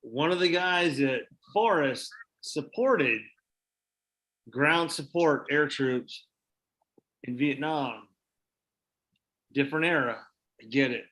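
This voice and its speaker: A man's voice: fairly high pitch, slow, long pauses, a bit bright, low-quality recording. A man in a casual group chat, easygoing and reassuring.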